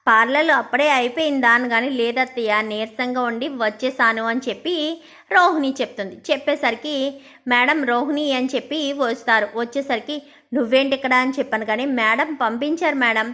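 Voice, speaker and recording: A woman's voice: sits high, fairly quick, bright, forceful tone. A woman casually retelling a serial episode, narrating and quoting each character in her own voice. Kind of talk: casual spoken story recap.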